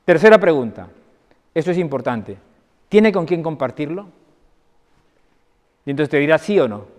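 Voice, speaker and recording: A man's voice: a little high, animated, moderate pace, a little mellow. A man, a doctor, giving a conversational talk to an audience and telling anecdotes while checking that his listeners follow. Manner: conversational, anecdotal, often asks the audience for agreement. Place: parish hall. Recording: long reverb of a hall.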